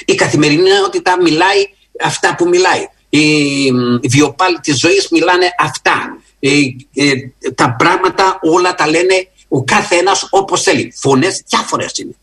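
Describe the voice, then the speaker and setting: A man preaching a sermon in an earnest, emphatic way, often rising in pitch and slowing for stress. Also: breathy edge. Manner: earnest, emphatic, with lively rises in pitch and slow stressed phrases.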